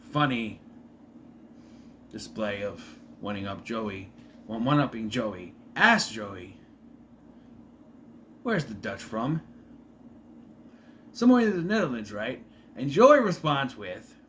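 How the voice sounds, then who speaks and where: With a little hiss or hum behind him, a man with a mid-range, fairly bright voice recaps a sitcom episode for his vlog. His telling is loose and rambling, full of self-corrections and opinions, and he slips into the characters' voices now and then.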